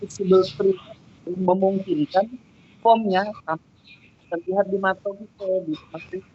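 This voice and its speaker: A man's voice: sits high, fairly even intonation, measured pace, warm tone, husky. Man lecturing over a choppy, cutting-out call. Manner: patient, step-by-step guiding. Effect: choppy call audio that keeps cutting out. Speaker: programming lecturer. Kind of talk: online class instruction. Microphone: video call. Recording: dull lo-fi call audio.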